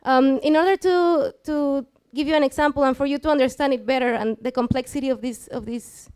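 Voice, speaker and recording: High and darkish in tone, fairly quick and with fairly even intonation, this woman in her twenties speaks with a Mexican accent, Spanish being her native language. As a student giving a public science talk, she explains live via headset to people seated in a small lecture room, informally engaging them through questions.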